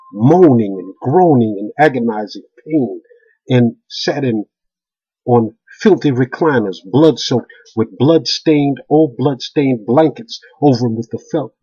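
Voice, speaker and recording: A middle-aged man's medium-pitched voice is warm with a breathy edge as he rants heatedly from a small room. The video blogger keeps stammering and repeating himself in restarts, and his close-range webcam produces dull, lo-fi audio.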